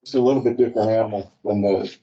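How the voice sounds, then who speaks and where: A man's voice: lowish voice, steady tone, quick pace, gravelly, mellow, slightly rough. A man working as an auditor, informally presenting a report at a meeting. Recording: distant, muffled meeting-room microphone.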